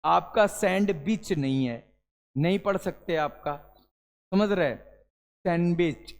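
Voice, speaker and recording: Man, fairly high voice, classroom teacher quizzing students, long hall reverb. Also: a little slow, vocal fry. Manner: addresses students as "beta", asks and answers his own questions. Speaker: English teacher.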